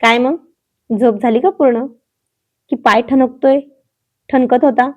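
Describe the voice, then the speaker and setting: A woman's voice: a little high, steady tone, a little slow, dull audio. A woman voicing a playful young man who teases his sweetheart affectionately. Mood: teasing. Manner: teasing, affectionate.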